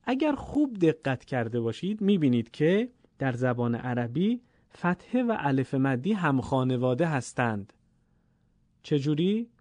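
A fairly high-pitched yet darkish-toned man with a Persian accent, recorded dry, gives a classroom-style lesson on Quranic Arabic vowel lengths. He's patient, drawing out each sound and repeating it slowly and deliberately.

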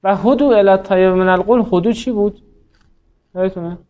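Patient male grammar teacher, lo-fi recording. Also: high-pitched. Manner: patient, quizzing and praising students. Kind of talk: classroom lesson, drilling students.

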